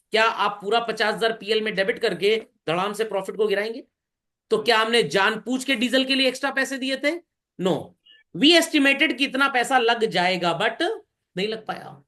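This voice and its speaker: A man's voice: extremely high pitch, pushed and bright. A man teaching accounts to a class, asking questions and answering them himself as he explains. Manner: questions students and answers himself, mixing Hindi and English; calls listeners bhai and children. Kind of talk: classroom lecture.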